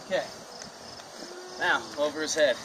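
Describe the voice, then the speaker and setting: A man's voice: fairly high pitch, unhurried. A man giving an informal, step-by-step hands-on training demonstration with running commentary, recorded outdoors. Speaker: horse trainer, instructor. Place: outdoors in wind. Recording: distant mic, loud wind, outdoor noise.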